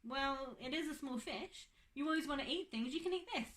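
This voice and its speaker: A woman's voice: sits high, a little fast, fairly bright tone. A young woman teaching a phonics lesson to children, patient and drawing out her words.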